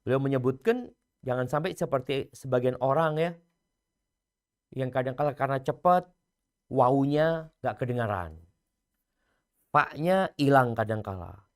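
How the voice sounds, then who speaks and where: A man giving a religious lecture, swinging from loud emphasis to hushed, near-whispered lines and chanting scripture slowly. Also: mid-range voice, animated, smooth. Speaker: preacher.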